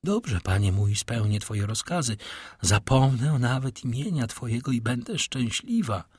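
A man voicing a tender, devoted young woman in a read-aloud novel, soft and pleading. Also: medium pitch, animated, unhurried, husky, no room sound. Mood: sorrowful.

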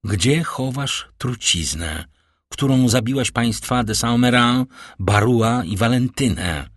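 A man reading an audiobook, voicing a cold, stern prosecutor who accuses his wife in a slow, cutting manner. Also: medium pitch, no echo, studio quality, close to an everyday voice. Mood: icy. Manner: icy, cutting, slow and menacing. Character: cold stern male prosecutor, middle-aged husband. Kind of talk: audiobook character voice.

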